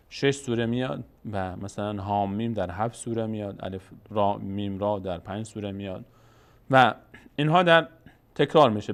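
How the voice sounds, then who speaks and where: A male teacher leads a step-by-step recorded lesson on reading the Quran. He talks patiently, poses questions and answers them himself. When he demonstrates, he stretches each sound out slowly. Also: medium pitch.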